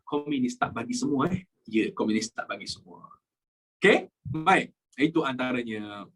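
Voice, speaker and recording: A man's voice: mid-range voice, animated, normal speed, a bit bright, husky, rough recording. A young Malaysian man teaching a live online history class, jokey and repeating his key points, mixing in English phrases.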